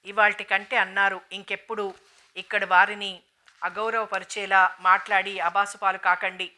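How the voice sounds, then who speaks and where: A woman voicing a stern, dignified matriarch who speaks in a calm, grave and measured way, in an audiobook novel reading. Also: mid-range voice, close to an everyday voice.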